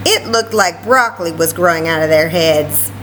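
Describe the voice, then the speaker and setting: A woman reading a story aloud to children in an expressive way, with chatty asides and questions. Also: fairly low pitch, moderate pace, slight background noise, low-quality recording. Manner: expressive, asks listeners questions. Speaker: library story time reader.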